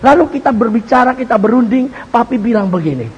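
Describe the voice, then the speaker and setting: A man's voice: extremely high pitch, animated, quick pace, slightly rough, highs cut off. An older man preaching, telling a joking family story and often addressing the congregation directly. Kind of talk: humorous storytelling sermon.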